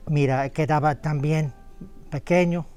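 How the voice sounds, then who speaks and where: A man from Australia with an Australian accent, answering interview questions in halting second-language speech full of fillers and restarts. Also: fairly high pitch, steady tone, darkish tone, clean tone, soft background music. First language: English. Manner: hesitant, many fillers and restarts. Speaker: interviewee, photographer.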